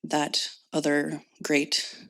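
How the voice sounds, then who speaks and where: Woman poet at a live reading, low voice, slow and measured delivery. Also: completely flat delivery, vocal fry. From Indianapolis, United States. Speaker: poet reading her work. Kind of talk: live reading and talk before an audience. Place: event space with an audience.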